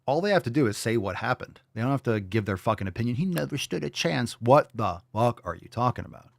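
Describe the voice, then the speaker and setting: A man's voice: on the low side, fast talker, no echo, studio quality. A man hosting a casual live commentary show, talking bluntly and profanely in a mocking way. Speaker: show host.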